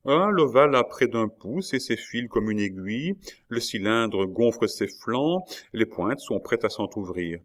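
A tender, devoted young woman speaks with soft earnestness, as a man reads her in a low voice. The reading is steady and affectionate, like a classic storybook heroine. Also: unhurried. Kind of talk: audiobook character reading.

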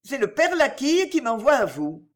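A woman's voice: high-pitched, very animated, moderate pace, voice pushed up. A woman voicing a timid, hurt young factory girl who answers plaintively in a storybook reading. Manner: plaintive, tearful.

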